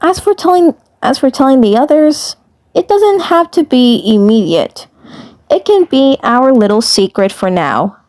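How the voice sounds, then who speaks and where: A woman voicing a smitten, flustered little male alien commander in an amateur fandub, halting and repeating phrases. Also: sits high, animated, a little mellow. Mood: fond, pleased.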